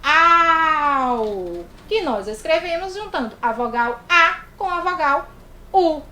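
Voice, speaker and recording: Brazilian woman teacher for little kids, slow and drawn out, room echo. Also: very high-pitched, expressive, pushed and bright. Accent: Brazilian Portuguese. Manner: slow, sing-song, exaggerated for small children. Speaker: primary school teacher. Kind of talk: online literacy lesson for young children. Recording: echoey room.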